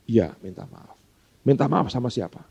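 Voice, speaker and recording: Man preaching, gravelly and a bit husky, chatty storytelling, dull lo-fi recording. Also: medium pitch, lively intonation, normal speed, dark tone. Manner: conversational, keeps addressing the congregation as "saudara"; acts out both sides of a dialogue in a question-and-answer rhythm. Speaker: pastor. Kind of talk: storytelling sermon.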